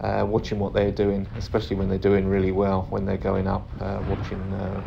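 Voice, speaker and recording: A man giving a calm, understated and hesitant casual commentary on his own flight video, pausing often. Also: sits low, dull audio. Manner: calm, understated, hesitant delivery with frequent pauses. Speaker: paraglider pilot narrating own flight video. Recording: clear steady background noise, vehicle-like ambience.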